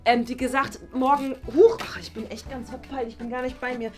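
With faint music behind her, a woman speaks quickly in a high-pitched, level voice as Frau Bartsch, a flustered, scatterbrained teacher from a toy play series. The performance is lightly acted, full of hesitant "äh" and "ne?" as she stumbles over her words.

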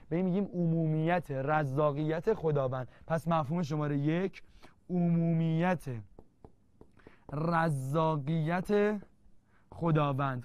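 A man's voice: on the high side, no echo. A man teaching an exam-prep literature lesson, playful and teasing, repeating key terms again and again to drill them. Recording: dull lo-fi dry sound.

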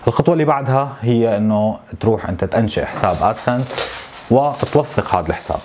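A man in his thirties with a Syrian Arabic accent, venting to camera in a frustrated, complaining way, with halting repetitions. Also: medium pitch, a little mellow, a little hiss or hum. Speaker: tech YouTuber. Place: small home office, indoors.

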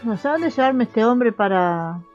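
A woman's voice: a little high, expressive, unhurried, darkish tone, muffled recording, faint music behind. A young woman with a Rioplatense Spanish accent, chatting casually as she plays a life simulation game and talks to the characters. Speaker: gaming streamer. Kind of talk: casual gameplay commentary.

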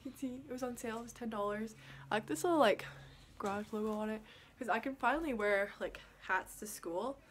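A woman's voice: on the high side, fairly quick, a little hiss or hum. A young woman from Canada chatting casually to her phone camera in her bedroom, filling her talk with "like" and "yeah". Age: young adult. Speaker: vlogger. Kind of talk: casual vlog chat. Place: small bedroom indoors. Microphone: phone camera at arm's length.

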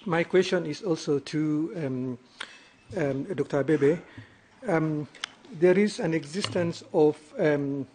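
A man's voice: fairly high pitch, slow pace, dark tone, slight background noise. A man from Somalia, asking a formal question from the floor at a conference, polite and hesitant with many ums. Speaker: audience questioner. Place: large conference hall. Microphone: table microphone.

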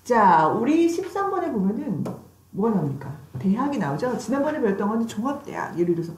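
Woman teacher, fairly high, very animated pitch; call-and-repeat drills, playful with students; echoey classroom. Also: a little fast. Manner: playful, teasing questions to students. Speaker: English teacher. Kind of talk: classroom English vocabulary lesson.

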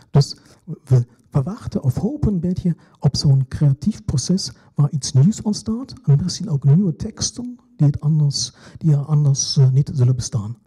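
A man's voice: fairly high pitch, mellow, husky. A man moderating a literary event, explaining a translation project in a hesitant way with many fillers. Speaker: festival moderator.

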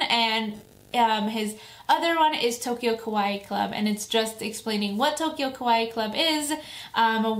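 Female unboxing host, higher-pitched, excited fan gushing casually to viewers, recorded in an echoey room. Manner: excited, gushing fan, drawn-out emphasis and delighted exclamations. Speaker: vlog host. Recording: echoey room, some background noise.

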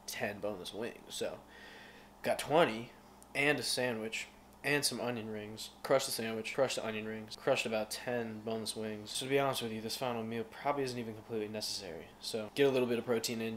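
A man's voice: lowish voice, a little hiss or hum. Laid-back slangy young man vlogging. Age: 20s. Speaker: fitness vlogger. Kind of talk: casual vlog talk to camera. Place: car, restaurant and home kitchen.

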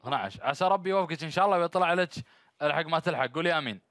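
Quick, higher-voiced Gulf Arabic male quiz host. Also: a bit bright, no echo. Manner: bantering, encouraging callers with blessings. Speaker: game show host. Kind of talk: live TV quiz hosting with phone callers. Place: small studio set dressed as instrument shop. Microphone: headset microphone.

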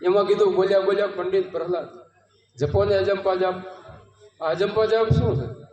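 A satsang preacher with a Gujarati accent delivers a devotional sermon at a home courtyard gathering, telling parables, posing rhetorical questions, and quoting devotional verses. His voice is high-pitched and darkish, with fairly even intonation and a normal speed. The distant mic captures a roomy space with long reverb.

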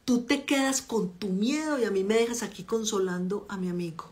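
A woman's voice: medium pitch, brisk, a little mellow, natural voice. A Colombian woman quotes her teenage son, repeating his easygoing, matter-of-fact words in her own voice. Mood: casual. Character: her teenage son, casual and self-assured.

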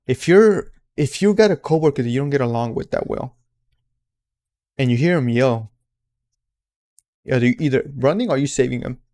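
Slangy, animated man reacting. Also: medium pitch, moderate pace, pauses often. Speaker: reaction video host. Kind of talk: casual reaction commentary.

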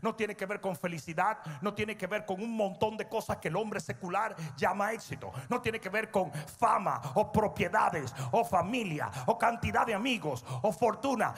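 A middle-aged male pastor preaches from a large church stage to a seated audience, holding a handheld microphone. His slightly rough, high-sitting voice moves a little slowly with few pauses, swinging from hushed asides to shouted peaks as he prompts the crowd to respond. A long hall reverb and faint music fill the recording.

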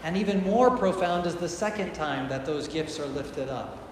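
A man preaching a sermon to a congregation, earnest and emphatic, slowing down to stress key phrases. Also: fairly high pitch, lively intonation, noisy background. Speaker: priest. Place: large church with painted walls, congregation present. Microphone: far camera at the back of the church. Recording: very echoey church hall with faint ambience.

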